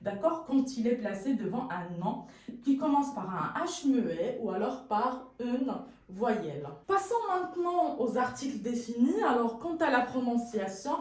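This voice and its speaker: A woman's voice: fairly high pitch, big pitch swings, unhurried. A woman teaching a French grammar lesson, patiently repeating each word for learners and often correcting herself. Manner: self-correcting, says pardon often. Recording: very echoey room, mic far off.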